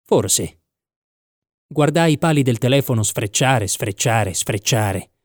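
A man reading a first-person story as an audiobook narrator, measured and reflective. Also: medium pitch, lively intonation, no echo, clean studio sound.

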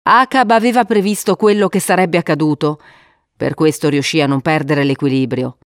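A woman narrates an adventure storybook in a measured, expressive way. Her voice is smooth and slightly low. The recording is close and dry. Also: no echo.

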